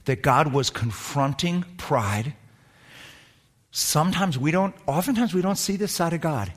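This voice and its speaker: A man preaching as a pastor, telling a personal story in an animated way that swings between loud emphasis and hushed low tones. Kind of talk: storytelling sermon.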